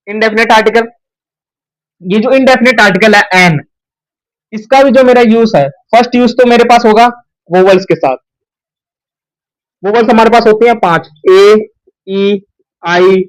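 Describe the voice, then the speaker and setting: A man's voice: high voice, poor audio. A young man teaching an English grammar lesson at a board, who asks the class questions and answers them himself.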